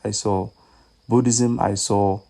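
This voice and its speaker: A man in his thirties from Somalia, with a Somali accent, giving an earnest, measured personal faith testimony that halts now and then. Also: on the low side, steady tone, warm tone. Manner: earnest, measured, slightly halting. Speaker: ministry speaker.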